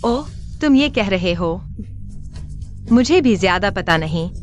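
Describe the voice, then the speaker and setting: A woman dubbing a caring young woman in a drama, with a soft, concerned manner. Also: medium pitch, expressive, a little slow, faint music behind, close to an everyday voice. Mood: tender. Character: gentle, caring young woman, the hero's fiancée. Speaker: dubbing actor. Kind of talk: dubbed drama acting.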